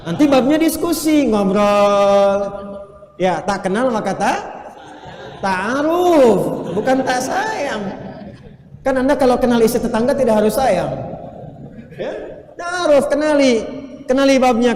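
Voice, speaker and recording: A man preaching a lively sermon to a live audience, quizzing the listeners and chanting Arabic phrases. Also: very high-pitched, a little hiss or hum. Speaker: Islamic preacher. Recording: echoey hall, faint ambience.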